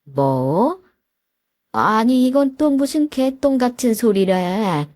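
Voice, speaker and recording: A woman voicing a blunt, worried father in his seventies who talks in a gruff, scolding way. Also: on the high side, sing-song, slow, darkish tone, dry recording, studio quality, voice pushed up. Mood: shocked. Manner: gruff, scolding, plain-spoken.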